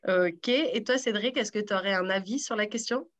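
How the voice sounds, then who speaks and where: A woman hosting a radio sports quiz in a lively, teasing way, encouraging the contestants. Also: medium pitch, normal speed, a little hiss or hum. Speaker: quiz host.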